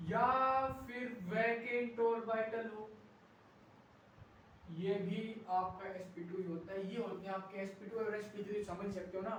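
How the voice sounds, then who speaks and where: A male chemistry teacher lecturing a class, firing quick rhetorical questions at students and urging them to copy notes fast. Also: high voice, slight background noise. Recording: very echoey classroom, mic far off.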